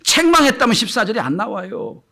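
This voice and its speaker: A middle-aged male pastor delivers a Sunday sermon in a slightly high voice. He lets his pitch and volume rise and fall widely, softening into tender quoted speech before climbing loud again. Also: very animated, fairly quick, gravelly. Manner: acts out gentle quoted speech, swings between soft and loud.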